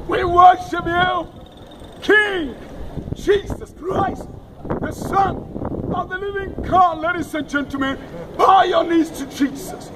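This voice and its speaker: An older man preaching in a town square, kneeling and chanting slow, repeated praise refrains. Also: very high-pitched, steady tone. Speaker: street preacher. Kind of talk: open-air street preaching. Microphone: distant handheld camera. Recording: distant outdoor street recording with noise. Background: street and wind noise.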